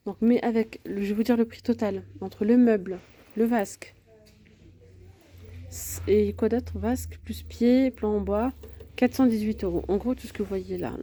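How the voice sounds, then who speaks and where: A woman's voice: on the high side, mellow. A woman chatting casually as she walks through a large home improvement store, listing prices and sizes with many fillers, recorded on a handheld phone. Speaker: vlogger touring a store. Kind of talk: casual shopping walkthrough.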